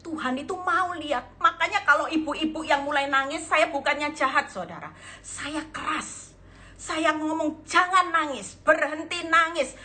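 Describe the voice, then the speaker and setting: Over a phone live stream on Instagram, a woman preaches with emphasis, acting out conversations and referring to listeners as saudara. Her voice is high and sharp.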